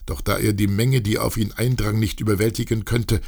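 A man reading a classic novella aloud in a dramatic, measured way. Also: on the low side, level tone, gravelly, a little mellow. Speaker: narrator. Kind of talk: scripted narration of a classic novella.

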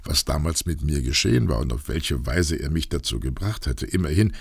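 A troubled aristocratic count, read by a man with a very low, gravelly voice. He tells his story in a grave, confessional manner. The dry recording has no room echo. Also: animated, brisk, full character voice. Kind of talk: audiobook reading.

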